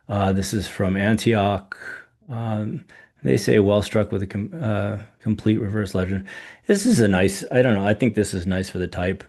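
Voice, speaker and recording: Very low-voiced man, hoarse, halting. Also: a little mellow. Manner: halting, many ums and restarts, thinking aloud. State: losing his voice. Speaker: podcast host reviewing coin auctions. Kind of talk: casual solo commentary.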